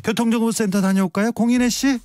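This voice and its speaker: A man hosting a radio talk show, interviewing guests in a lively, joking way. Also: very high-pitched, fast talker, dry recording, studio quality. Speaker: radio host. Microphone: studio microphone.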